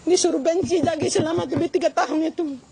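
A woman's voice: extremely high pitch, steady tone, fast talker, mellow. An older woman giving a tearful, pleading and indignant interview, her voice crying as she speaks. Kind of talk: emotional interview testimony.

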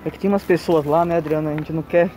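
A woman's voice: low-pitched, fairly even intonation, very fast, mellow, slight background noise. A Brazilian woman with a São Paulo accent chatting casually and uneasily as she walks outdoors, often exclaiming. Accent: Brazilian, São Paulo region. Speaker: vlog host. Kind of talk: casual exploration chat. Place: outdoors, walking through a cemetery.

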